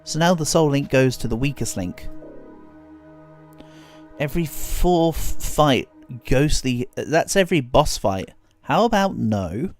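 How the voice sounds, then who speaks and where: Over faint background music, a game streamer talks slowly in a mid-range voice with lively intonation, rambling through casual, self-deprecating livestream chat. A cold seems to be coming on, leaving him slightly congested.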